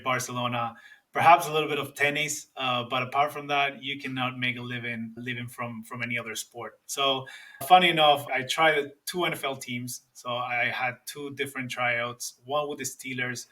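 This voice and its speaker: A Spanish-accented man in his thirties, talking earnestly as a podcast guest and often restarting his sentences. His voice is bright and forward. He sits a little away from the mic. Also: medium pitch, recorded from a distance. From Spain. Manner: earnest, explanatory, with frequent restarts. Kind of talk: podcast interview.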